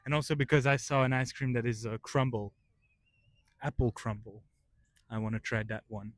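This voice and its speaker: A man's voice: mid-range voice, steady tone, moderate pace, no room sound, studio quality. A man chatting casually as a vlogger, informal and mock-earnest as he gives his opinions. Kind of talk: casual vlog chat. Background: faint guitar music.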